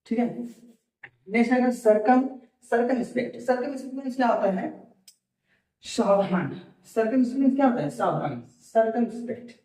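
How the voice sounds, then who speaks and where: A man's voice: high-pitched, darkish tone. A man teaching an exam-prep vocabulary lesson, drilling words by asking a question and answering it himself. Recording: echoey room, voice from far off.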